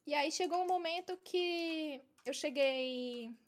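She takes it slowly, her voice sitting high, as she casually recounts a long personal story. The young woman is chatty and repeatedly asks "entendeu?" to check that listeners are keeping up.

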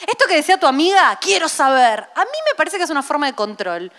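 High-voiced chatty Argentine woman. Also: fast, long reverb tail. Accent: Rioplatense Spanish. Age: late 30s. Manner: chatty, animated storytelling. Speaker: podcast co-host. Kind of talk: casual chat.

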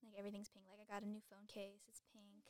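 A woman's voice: medium pitch, completely flat delivery, fast talker, a little mellow, no room sound. A young woman in her late teens, chatting as a guest in a casual interview, giggly and full of fillers.

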